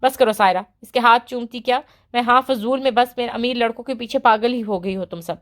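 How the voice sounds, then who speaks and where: Woman doing a hot-headed young girl in a storybook reading, blunt and quick to snap, a bit high-voiced. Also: close to an everyday voice. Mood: indignant. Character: hot-tempered young heroine, blunt and impulsive.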